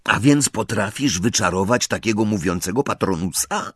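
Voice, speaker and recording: A blunt, grumbling teenage wizard who speaks his mind plainly, as a male narrator voices him. The voice is lifted slightly above the reader's own, husky and dry. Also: on the low side, animated, normal speed, fairly bright tone, dry recording. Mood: doubtful.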